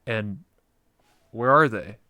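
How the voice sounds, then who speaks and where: A man's voice: lowish voice, takes it slowly. A man chatting casually in a rambling, slangy, sweary way. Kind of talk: casual interview chat.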